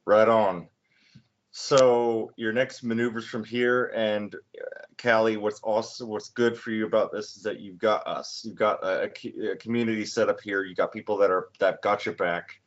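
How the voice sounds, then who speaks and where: A young man in his twenties hosts a relaxed late-night chat, his voice sitting a little low. He talks haltingly, stopping, restarting and filling gaps as he goes. The recording sounds muffled and lo-fi. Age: 20s. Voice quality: halting, many restarts and fillers. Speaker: podcast host. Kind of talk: casual chat. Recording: dull lo-fi recording.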